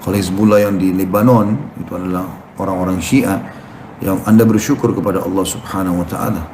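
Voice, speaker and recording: Male preacher, low voice, animated storyteller; echoey room with faint noise. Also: brisk. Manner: animated storytelling, acting out quotes. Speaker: Islamic preacher. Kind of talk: sermon with questions and answers.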